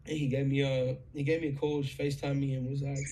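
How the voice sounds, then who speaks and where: A young man telling a story in a casual chat, excited, swearing freely and full of fillers. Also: mid-range voice, fast, slight background noise. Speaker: guest musician.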